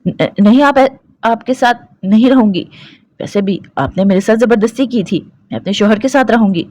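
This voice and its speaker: A woman's voice: a little high, normal speed, darkish tone, no echo, pitched above the performer's own voice, natural voice. A woman voicing a frightened young bride who stammers and pleads in a raised, shaky voice.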